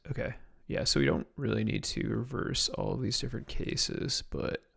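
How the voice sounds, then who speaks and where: A man's voice: medium pitch, vocal fry. A young man from Canada, live-streaming a reverse-engineering session, thinking aloud casually and answering chat. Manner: casual, muttering to himself, reading chat questions.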